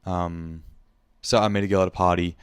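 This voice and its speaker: A man's voice: sits low, fairly even intonation, normal speed, clean tone, dry recording, clean studio sound. A young man with an Australian accent, hosting a podcast in a casual, rambling monologue, speaking frankly and swearing freely. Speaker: podcast host.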